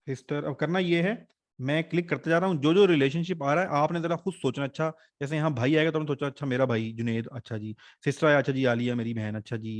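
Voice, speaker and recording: Chatty and prone to jokes, this man teaches an online exam-prep class while sprinkling in English terms. He speaks at a normal middle pitch, picked up dry and close by a desk mic, with no echo or room sound.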